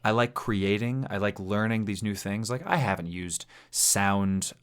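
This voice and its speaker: A man's voice: lowish voice, a little slow, smooth. A man hosting a podcast, chatting casually and self-deprecatingly with a guest and laughing often. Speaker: podcast host and streamer.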